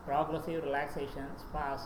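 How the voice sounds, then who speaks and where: In an echoey, noisy room, a man with an Indian English accent presents a lecture and reads through lists. His pitch is fairly high and his delivery flat at a moderate pace; he is a native Tamil speaker who sometimes uses fillers and restarts sentences.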